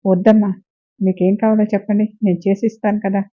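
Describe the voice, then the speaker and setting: Woman voicing a house cook woman, polite, deferential, flat tune, phone-like sound. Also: mid-range voice, fast talker, lightly acted.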